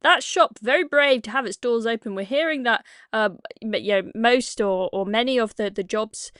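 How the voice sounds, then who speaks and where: A woman's voice: fairly high pitch, moderate pace, fairly bright tone, no room sound, clean studio sound. A woman commenting over video clips in a sarcastic tone, often hesitating with "uh" and "um". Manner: sarcastic, hesitant with many fillers. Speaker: online political commentator.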